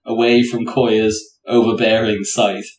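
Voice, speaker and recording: A man's voice: fairly low pitch, flat delivery, a little slow, soft background music. Man running a game, roomy echo. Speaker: game master. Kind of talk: casual tabletop game recap. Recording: roomy echo, faint noise.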